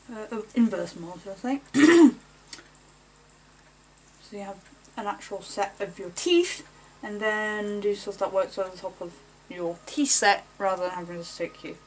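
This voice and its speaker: A woman's voice: mid-range voice, slight background noise. Woman with a slight lisp, rambling tutorial. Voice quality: slight lisp from wearing false teeth. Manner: rambling, unhurried, many fillers. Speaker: cosplay tutorial maker. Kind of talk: casual how-to talk.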